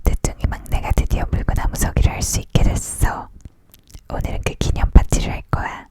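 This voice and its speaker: A person leaning in to whisper a storybook aloud as a whispered ASMR reading, entirely unvoiced. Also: brisk. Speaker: audiobook reader.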